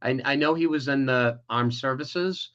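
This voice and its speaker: Candid, bright-voiced man telling his story. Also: mid-range voice, moderate pace, lo-fi sound. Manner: emotional, candid storytelling with many restarts. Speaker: guest. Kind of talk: personal story in an interview.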